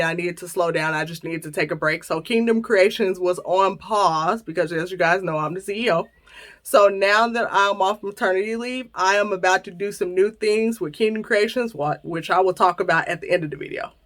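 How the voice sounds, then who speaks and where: A woman hosts her own vlog. She chats with her viewers in a casual, playful way. Her voice sits in a middle pitch. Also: brisk. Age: 30s. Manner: lively, chatty, playful storytelling. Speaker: channel host.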